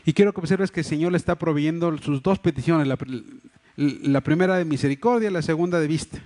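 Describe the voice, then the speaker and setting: A man's voice: on the high side, fairly quick, a little mellow. A man preaching a sermon as pastor, with a Mexico City Spanish accent, explaining earnestly with many fillers and restarts. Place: church hall. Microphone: livestream microphone.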